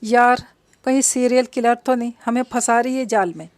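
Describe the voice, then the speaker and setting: Jittery young street men, voiced by a woman narrator, wary and muttering, slightly high, dry read. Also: fairly even intonation, normal speed, a little mellow, dry recording, close to an everyday voice. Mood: nervous.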